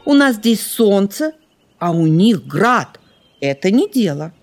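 A woman voicing a nosy, accusing female magpie in a storybook reading, with excitable exclamations. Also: medium pitch, slow pace, faint music behind, pitched above the performer's own voice. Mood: indignant.

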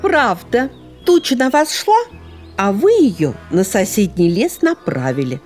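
A woman voicing a nosy, accusing female magpie in a storybook reading, with excitable exclamations. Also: mid-range voice, measured pace, soft background music, voice pushed up. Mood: indignant.

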